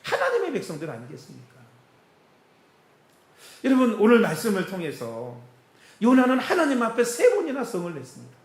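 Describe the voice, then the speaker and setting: A pastor preaching a sermon in an animated way, chuckling often and asking the congregation questions. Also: male voice, extremely high pitch, a little fast, pauses often. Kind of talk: sermon with casual storytelling. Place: church sanctuary. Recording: echoey church hall.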